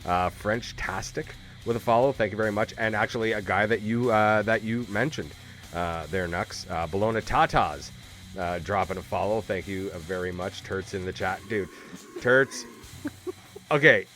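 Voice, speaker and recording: A man hosts a gaming league recap over a live stream, and his low voice comes through a remote call mic. He talks casually and upbeat, stumbling over restarts and fillers as he goes. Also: normal speed, fairly bright tone, soft background music.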